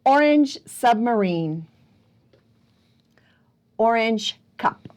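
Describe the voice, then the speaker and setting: Speaking close to the camera with slight background noise, a storytime host and children's librarian reads a picture book very slowly to young children. Her voice is on the high side with a darkish tone and lively intonation, and she playfully asks questions and marvels aloud.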